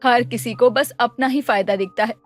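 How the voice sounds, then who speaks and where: A woman's voice: a little high, normal speed, faint music behind, natural voice. A woman voicing a protective, worried mother in a cartoon story, lecturing her daughter firmly. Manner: lecturing, firm.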